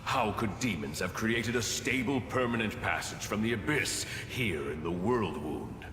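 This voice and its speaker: A man's voice: on the low side, animated, a little slow. A man playing a grave, devout crusader in a fantasy game, speaking in solemn, formal oratory. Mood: brooding, solemn. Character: grave, devout male crusader, brooding and earnest. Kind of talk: dramatic fantasy game acting. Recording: echoey hall with noisy ambience.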